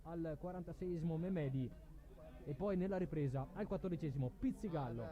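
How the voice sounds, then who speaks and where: A man's voice: fairly high pitch, mellow, lo-fi sound. A man calling a live football match play by play, calling players' names in short bursts. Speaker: football commentator.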